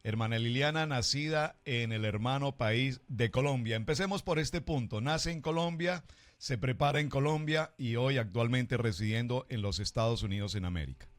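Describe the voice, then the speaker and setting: Formal pastor hosting a radio show. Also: male voice, mid-range voice. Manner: formal, warm greeting style, slow deliberate questions.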